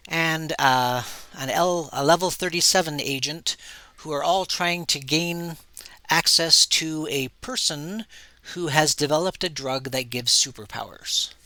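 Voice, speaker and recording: A man hosting a tabletop game as game master, relaxed and chuckling, pausing often with "uh". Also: on the high side, no room sound, poor audio. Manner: relaxed, chuckling, with frequent "uh" pauses.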